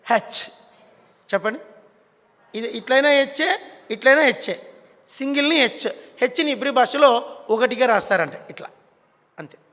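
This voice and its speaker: A male preacher with a Telugu accent and a very high voice, leading a sermon and getting his listeners to call out words after him. His voice rings with the long reverb of a big hall. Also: pushed and bright. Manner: coaxing the congregation to repeat words after him.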